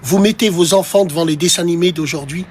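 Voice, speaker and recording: This live-stream rant comes from a fast-talking man with a fairly high pitch, and there's a little hiss or hum in the audio. Speaking straight to his chat, he's crude, mocking and provocative in a casual way.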